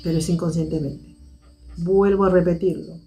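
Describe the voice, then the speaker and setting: A woman talks to her live viewers in a low, gravelly, mellow voice. She is measured and reflective and circles back to the same points. Soft instrumental music plays faintly behind her. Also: fairly even intonation. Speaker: host of a live stream.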